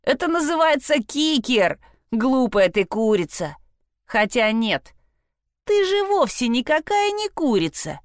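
A woman's voice: high voice, very animated, unhurried, no echo, clean studio sound, pitched above the performer's own voice. A woman voicing a cocky teenage boy who mocks the girls in a storybook reading. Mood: jeering. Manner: mocking, boastful.

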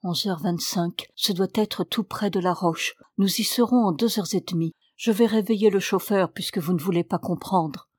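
A woman's voice: medium pitch, a little slow, few pauses, dry recording, clean studio sound, close to an everyday voice. Woman reading a feverish, haunted man. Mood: murmuring. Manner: flat, toneless voice forced from a tight throat.

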